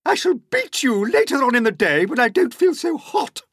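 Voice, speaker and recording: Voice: very animated, moderate pace, fairly bright tone, husky, no room sound, clean studio sound, exaggerated voice. Aunt Spiker, a screeching spiteful old aunt, as a reader puts her on. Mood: shrill scorn. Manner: screeching, shrill.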